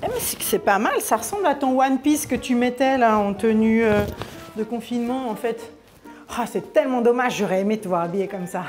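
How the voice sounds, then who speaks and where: A woman's voice: fairly high pitch, animated, fairly quick, darkish tone, faint music behind. A woman hosting a show, chatty and playful as she questions a guest. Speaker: host. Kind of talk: casual interview.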